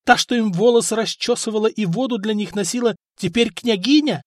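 A man's voice: brisk, no room sound, studio quality. A man voicing a spiteful, scheming middle-aged wife of a chieftain who scolds and mocks her husband. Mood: vengeful. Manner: shrill, scolding, mocking. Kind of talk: audiobook character voice.

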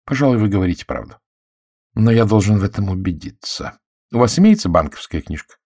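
A man voicing a shrewd, courteous middle-aged detective who questions in a gentle, self-assured way, in an audiobook. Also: fairly low pitch, very animated, a little fast, dry recording, clean studio sound, pitched above the performer's own voice. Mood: probing. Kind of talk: audiobook character voice.

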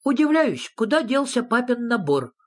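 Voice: mid-range voice, sing-song, moderate pace, voice pushed up, natural voice. A reader voicing a small, fussy young male creature who is whiny and insistent, in an audiobook. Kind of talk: audiobook reading.

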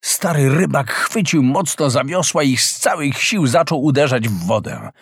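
A man reading a fairy tale aloud as a slow, expressive storyteller in a close, dry recording. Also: medium pitch, breathy edge, no room sound. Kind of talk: scripted fairy-tale narration.

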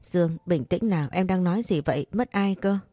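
A woman's voice: on the low side, a little fast, warm tone, no echo, faint music behind, lightly acted. A woman voicing a caring but pushy young man who scolds and coaxes a crying friend. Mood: scolding. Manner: scolding yet tender, coaxing. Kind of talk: audiobook character reading.

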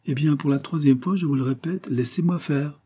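A man's voice: mid-range voice, expressive, moderate pace, dark tone, husky. A man reading an audiobook, voicing a scheming, seductive adventuress who coaxes and wheedles. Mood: coaxing. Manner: coaxing, wheedling.

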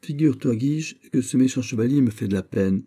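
A male reader voicing a vain, excitable young prince in an audiobook. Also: mid-range voice, fairly quick, slightly rough, pitched above the performer's own voice. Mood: petulant. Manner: fussy, excitable, self-admiring. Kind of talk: audiobook character reading.

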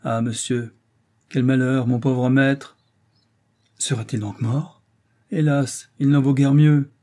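A man's voice: medium pitch, steady tone, slow, dark tone, lightly acted. A man voicing an old, fretful manservant. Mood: distressed. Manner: agitated, fretful telling. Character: old distressed male servant of a duke.

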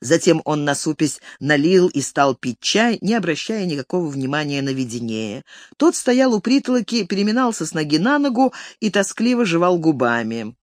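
A narrator reading a classic novel aloud with expressive, dramatic delivery. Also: mid-range voice, normal speed, dry recording, studio quality. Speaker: audiobook narrator.

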